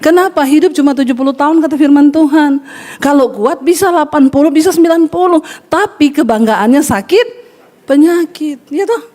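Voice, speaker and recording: A woman with a high, bright-pitched voice preaches in a church. She jokes and teases her listeners, slipping into little acted-out exchanges as she goes. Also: normal speed. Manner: playful teasing, acts out chat dialogue. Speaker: pastor. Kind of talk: lively humorous sermon. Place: church hall with congregation.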